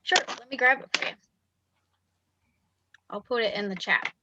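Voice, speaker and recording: A woman's voice: a little high, moderate pace, heavy background noise. A woman on a video call panel, informative and friendly, laughing easily. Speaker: panelist on invasive species. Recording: dull lo-fi video call audio.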